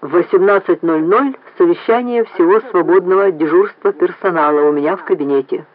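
A man's voice: high voice, brisk, lightly acted. Man playing a stern young base director. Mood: commanding. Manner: curt, gives orders. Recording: tinny phone-like lo-fi recording.

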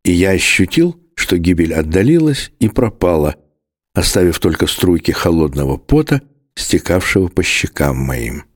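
Animated male audiobook narrator. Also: deep voice, moderate pace, no room sound, clean studio sound. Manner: dramatic, animated. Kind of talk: expressive audiobook reading.

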